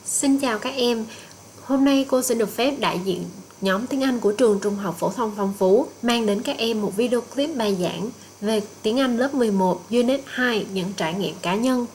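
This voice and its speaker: A woman with a Vietnamese accent teaches English vocabulary in a recorded lesson voice-over. Her voice sits a little high, and she moves between accented English definitions and Vietnamese explanations. A faint hiss runs under the recording. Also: rough recording. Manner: explains each word in English, then again in Vietnamese.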